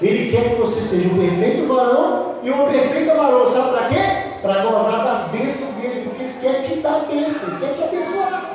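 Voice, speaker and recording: Male preacher, high voice, fiery rhetorical sermon, miked from afar in a church hall. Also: lively intonation, a little fast, a little mellow. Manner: impassioned, rhetorical questions to the congregation. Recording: echoey hall, distant mic, faint noise.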